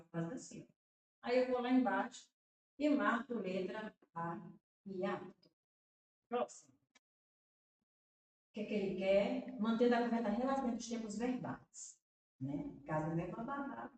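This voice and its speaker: A woman's voice: mid-range voice, darkish tone. A Brazilian woman teacher solving exam questions aloud, repeating words and checking in with her listeners. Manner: talks through answers aloud, repeating words and checking with "né?" and "tá vendo?". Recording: echoey room, voice far from the mic.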